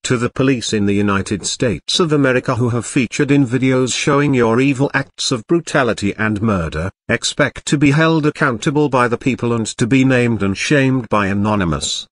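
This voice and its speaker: A man's voice: mid-range voice, no echo. Disguised, altered male voice, stern statement. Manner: stern, accusing, measured delivery. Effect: disguised voice, electronically altered. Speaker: anonymous spokesman. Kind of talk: scripted statement read out.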